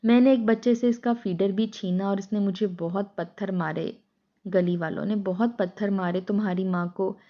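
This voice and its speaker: A woman's voice: mid-range voice, lo-fi sound, lightly acted. A woman voicing a grieving mother driven mad by hunger and loss, in a tearful, pleading lament.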